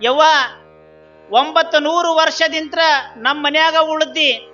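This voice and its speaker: A man's voice: very high voice, normal speed, pushed and bright. A man with a North Karnataka accent playing a tearful old landlord who pleads over and over, in a repetitive, begging manner. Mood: pleading. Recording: slightly dull, faint Carnatic music.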